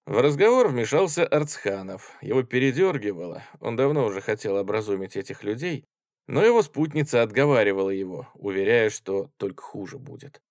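A man narrating a novel as an audiobook, with expressive, lively intonation. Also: fairly low pitch, brisk, dry recording, studio quality.

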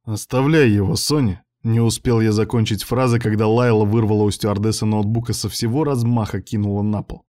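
A man reading a first-person audiobook with steady, even storytelling. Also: on the low side, a little fast, few pauses. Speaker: audiobook narrator.

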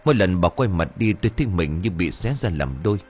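A man's voice: low voice, lively intonation, brisk, husky, faint music behind. A man voicing a poor, grieving old father who pleads in choked, remorseful words in a storybook tale.

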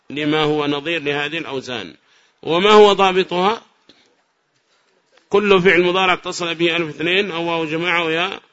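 A man teaches a grammar lesson, praising his students' answers and calling on them with questions. His voice sits a little high and sounds bright. The recording is muffled and lo-fi. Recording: dull lo-fi recording.

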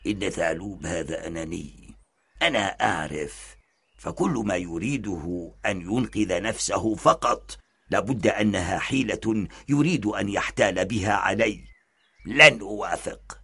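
A man voicing a greedy, hot-tempered male wolf in a children's storybook, with a blunt, gruff manner. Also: fairly low pitch, big pitch swings, moderate pace, heavily acted. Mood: suspicious.

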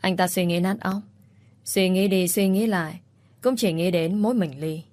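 A woman narrating a dramatic story in a steady, even way. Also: lowish voice, normal speed, no room sound. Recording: soft background music.

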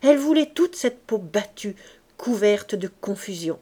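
A woman with a French accent reading a classic novel aloud as narration, raising her voice for the characters' shouts. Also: animated, a little slow, husky. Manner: acts out the characters' shouts with raised pitch and volume. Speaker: audiobook reader.

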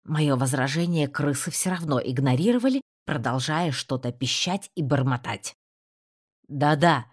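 A woman narrating an audiobook in a steady, even storytelling manner. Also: extremely low pitch, normal speed, hardly any pauses, breathy edge. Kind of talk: scripted narration.

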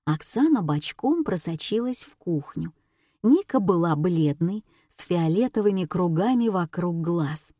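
A woman narrating an audiobook in a steady storytelling read. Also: on the low side, measured pace, no echo, clean studio sound. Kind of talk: scripted narration.

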